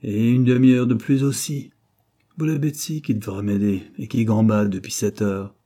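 A man voicing a shrill, ill-tempered working wife who scolds and shouts. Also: steady tone, moderate pace, lightly acted. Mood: scolding. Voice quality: piercing, shrill.

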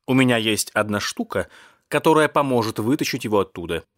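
A man's voice: medium pitch, expressive, brisk, fairly bright tone, no room sound, studio quality, lightly acted. A man doing a plain helpful neighbor.

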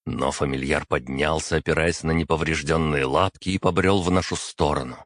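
A man reading a first-person fantasy audiobook in a measured, steady storytelling manner. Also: rumbling low, no echo, clean studio sound. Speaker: audiobook narrator.

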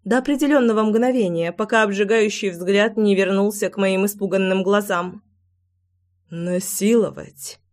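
A woman's voice: medium pitch, fairly quick, hardly any pauses. A woman reading a first-person story aloud as an audiobook narrator, with a wry, breathless inner monologue.

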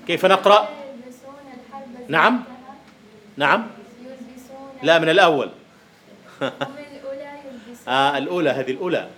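A man lecturing a university class on poetic meter, questioning students and at times dropping to a quiet murmur. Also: fairly high pitch, animated, a little slow, pauses often.

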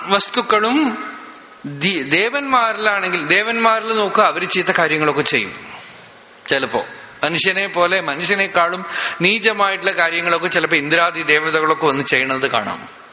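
A man teaches scripture in a high, very bright voice, asking rhetorical questions and chanting verses slowly. He is recorded in a big, echoing hall with a long reverb and a faint hum of room noise behind him. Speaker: spiritual teacher giving a scripture discourse.

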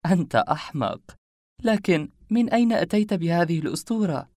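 A man's voice: high-pitched, animated, a little fast, darkish tone, no room sound, pitched above the performer's own voice. A charming, playful young woman from a storybook speaks in a raised, lifted voice, as a male narrator puts her on. She sounds teasing and chatty, and the dry, close recording has no room sound. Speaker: life coach character. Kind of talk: audiobook character reading.

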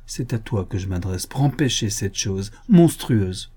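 Storybook role: male reader playing a fearful young fiancée, trembling, hushed pleas, dark tone. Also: on the low side, expressive, a little slow, slightly rough. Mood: pleading anguish. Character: anguished young woman bride, fearful and torn.

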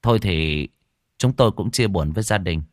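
A man's voice: sits low, lively intonation, moderate pace, no echo, studio quality. A man voicing a local official who gives a matter-of-fact verdict and brief condolences. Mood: brisk.

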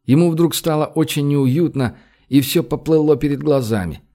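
A man reading a novel aloud as narrator, in a steady, measured manner. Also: fairly high pitch. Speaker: audiobook narrator. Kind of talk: scripted narration.

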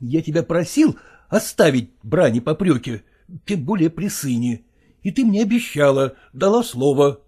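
A man's voice: a little high, big pitch swings, moderate pace, mellow, slightly rough. A man doing an exasperated estranged husband. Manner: exasperated, pleading and firm. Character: irritable, harassed middle-aged estranged husband and father.

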